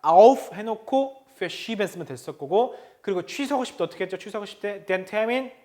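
A man's voice: high voice, lively intonation, brisk, darkish tone. A man teaching a German lesson to Korean learners, asking questions and answering them himself.

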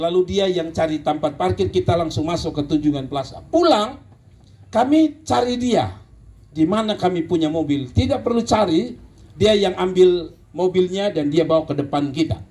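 A man with a Kupang Malay accent, preaching a sermon and telling stories, rising to emphatic bursts and dropping low. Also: animated, moderate pace, darkish tone. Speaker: pastor.

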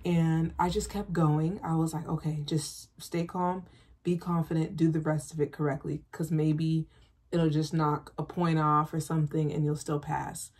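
Young woman w/ vlogging from her bedroom, mellow low voice, kinda breathy. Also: moderate pace. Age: 20s. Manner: chatty, self-reassuring, expressive with hand gestures. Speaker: nursing student vlogger. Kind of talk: casual chat to camera. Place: bedroom, indoors.

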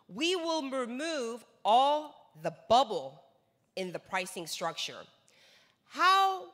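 A business seminar speaker in her forties, with a North American accent, stands on a large stage in a hall and delivers an emphatic sales lecture into a handheld mic. She repeats words for stress and asks rhetorical questions in a mid-range, slightly bright voice, heard with long hall reverb.

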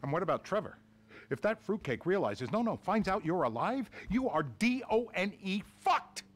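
A man's voice: sits high, very animated, normal speed. An actor playing an exasperated middle-aged male federal agent, scolding.

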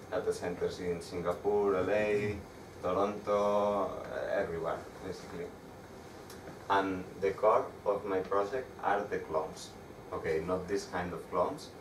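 At a meetup, a young man speaking with a Spanish accent walks the audience through a slide-based technical talk, his voice low and flat and his delivery halting with many restarts. The room is dark apart from a projector screen, and the distant camera mic captures echo and background noise.

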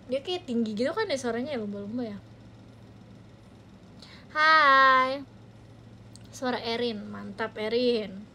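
A woman's voice: on the high side, slow pace, long pauses, sharp tone, slight background noise. Playful young woman hosting a phone livestream. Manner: playful, teasing, reads viewer comments aloud. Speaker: livestream host. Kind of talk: casual livestream chat. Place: a friend's home, indoors.

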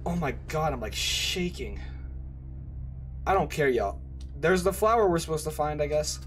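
A man's voice: fairly high pitch, expressive, normal speed, fairly bright tone. A young man hosting a horror game let's play, chatting casually, swearing and getting scared. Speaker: gaming channel host. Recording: game music playing under the voice.

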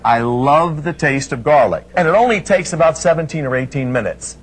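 Folksy male infomercial demonstrator, slightly high voice. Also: lively intonation, brisk. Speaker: infomercial host and product demonstrator. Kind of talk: unscripted sales demonstration. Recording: faint background noise, vinyl transfer.

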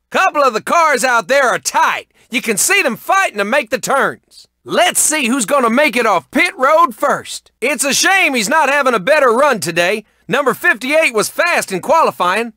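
A man voices an excitable cartoon race announcer for a video game, his very high, piercingly bright voice swinging widely in pitch. He delivers folksy, showy sports commentary in full character, recorded dry in a clean studio.

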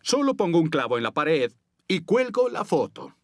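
A man with a Latin American Spanish accent voicing a big, jolly, boastful daddy pig in a children's cartoon, slow and self-assured. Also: on the high side, sing-song, a little hiss or hum. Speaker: cartoon character. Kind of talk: animated children's cartoon dialogue. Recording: music bed behind dialogue.

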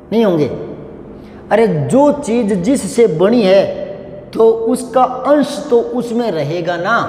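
A man with a cough teaching Hindi grammar in a patient, slow lesson, repeating points and asking rhetorical questions. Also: sits high, a little mellow. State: unwell with a cough. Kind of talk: explanatory classroom lesson. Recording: echoey room with long reverb.

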